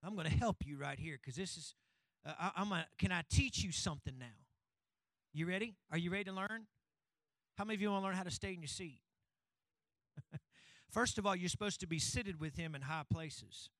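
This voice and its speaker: A male pastor preaching a sermon in a church. He leads call-and-response with the congregation and builds to fervent shouting. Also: high-pitched, fairly quick, pauses often, no echo, poor audio. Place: church sanctuary.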